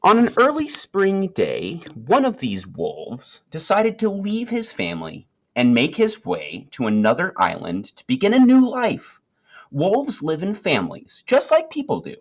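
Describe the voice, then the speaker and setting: With a voice that sits high, a man narrates a nature story for kids. The reading is emphatic and expressive, and he uses dramatic pauses.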